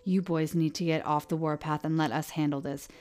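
A woman's voice: on the low side, normal speed, lightly acted. A woman reading an audiobook, voicing a stern middle-aged male sheriff who is also a weary father, firm and commanding. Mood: angry. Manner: firm, commanding, loud when angered. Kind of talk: audiobook character voice.

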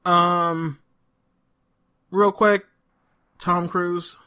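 A man's voice: high-pitched, flat delivery, very slow, pushed and bright, clear, resonant tone. A man hosting a casual podcast, rambling with many fillers and restarts. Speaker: podcast host.

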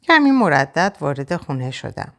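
A woman narrating a novel in the first person, in a quiet, reflective, measured way. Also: low-pitched, very animated. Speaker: audiobook narrator.

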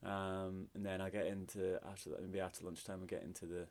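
Relaxed, rambling musician, low voice. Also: male voice, a little fast. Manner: relaxed, hesitant, many fillers. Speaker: musician guest. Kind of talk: casual interview chat.

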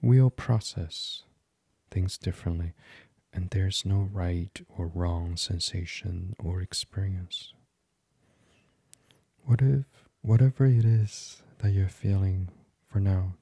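Male meditation guide, very low, mellow and unhurried, close and dry. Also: breathy edge, no echo. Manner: slow, soft and soothing, drifting into whispers.

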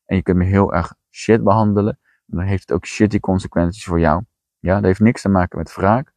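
A man's voice: deep voice, fairly even intonation, fairly quick, darkish tone, no echo. A man talking as a podcast host and coach in a blunt, plainspoken monologue.

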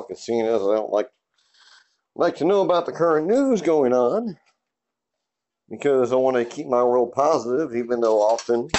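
Man in his garage, host of a casual solo podcast, low mellow voice, rambling and cussing, dull lo-fi sound. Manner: rambling, laid-back, swears casually, many fillers. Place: home garage.

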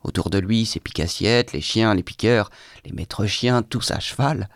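A man reading a classic novel aloud with measured, expressive narration. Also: on the low side, no echo, clean studio sound. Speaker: reader.

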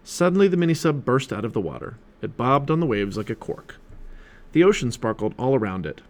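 Man reading a storybook with animated rises. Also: medium pitch, fairly quick. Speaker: parent reading a book aloud. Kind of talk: storybook read-aloud.

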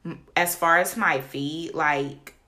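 A woman's voice: sits low, fairly even intonation, slow, bright, forceful tone. A woman co-hosting a casual chat, rambling with many fillers and sometimes losing her thread.

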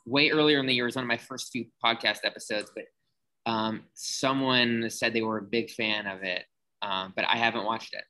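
A man's voice: mid-range voice, fairly even intonation, a little fast, pushed and bright, poor audio. A man hosting a podcast, chatting casually and laughing easily with a guest. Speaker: podcast host. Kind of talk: casual interview chat.

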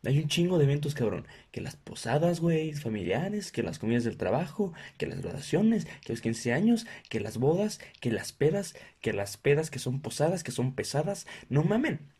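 Here the young Mexican podcaster sounds fairly high-pitched and husky, talking at a normal speed with few pauses. In Mexican Spanish, he rants comedically, swears heavily, and acts out others with exaggerated impressions.

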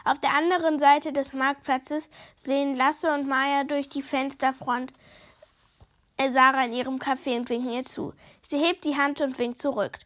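A woman narrating a children's detective audiobook in a calm, even reading voice. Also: high-pitched, normal speed. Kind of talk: scripted storybook narration.

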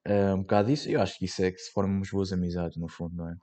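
Slangy young Portuguese podcast man, low voice. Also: level tone, very fast, dark tone. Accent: European Portuguese. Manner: slangy, rambling, with many fillers and swearing. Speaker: podcast host. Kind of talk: casual solo podcast chat.

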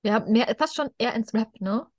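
A woman's voice: on the high side, moderate pace, dry recording, clean studio sound. A young adult woman co-hosting a podcast, talking casually as a fan with English words dropped into her German. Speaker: podcast co-host.

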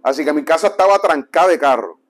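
A young adult man preaches his testimony in a high-pitched voice. He tells it like a lively story and drops low when he acts out the dialogue. Faint music plays behind him. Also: quick pace.

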